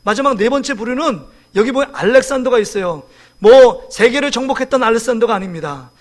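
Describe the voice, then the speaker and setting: A man in his forties preaching a sermon in a church, lively and joking, often asking the congregation questions. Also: extremely high pitch, a little fast. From South Korea. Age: 40s. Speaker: pastor. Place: church sanctuary.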